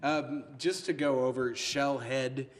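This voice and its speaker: A man's voice: mid-range voice, steady tone, takes it slowly, background noise. A man co-hosting a casual podcast, reading old comic letters aloud and joking, laughing and swearing often. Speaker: podcast co-host. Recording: long hall reverb.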